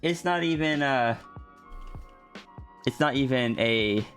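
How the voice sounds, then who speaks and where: A man's voice: medium pitch, slow, faint music behind. Hesitant, polite man on a stream. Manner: hesitant, restarts, soft and polite. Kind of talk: casual chat on a group stream.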